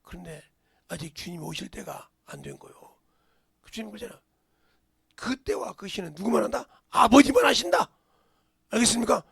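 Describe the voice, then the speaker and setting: A middle-aged male pastor preaching a sermon in a church, dropping to whispers and bursting into shouts. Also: high-pitched, big pitch swings, moderate pace, gravelly, pauses often, husky. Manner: swings from hushed whispers to sudden shouts. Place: church sanctuary.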